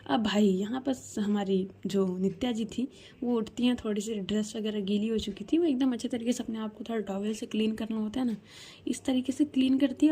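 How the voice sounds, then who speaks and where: A woman's voice: on the high side, vocal fry, warm tone, slight background noise. A woman telling a story in a chatty, casual way, talking straight to the listener. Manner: chatty, addresses listener as 'bhai'. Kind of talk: casual spoken story narration.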